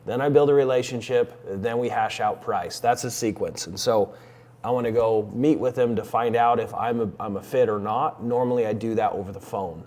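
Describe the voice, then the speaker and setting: Male vlogger, informal and conversational, mid-pitched voice, addressing viewers as a coach, faint music behind. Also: moderate pace, a little mellow. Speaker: vlogger and real estate investing coach. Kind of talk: casual day-in-the-life vlog talk.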